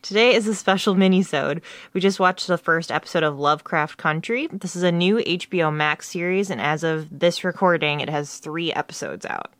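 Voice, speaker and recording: A woman with a notably low voice co-hosts a casual podcast and talks in a relaxed, chatty way. The recording is dry and close, with no room sound. She laughs easily between her points. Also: moderate pace, no room sound. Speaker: podcast co-host.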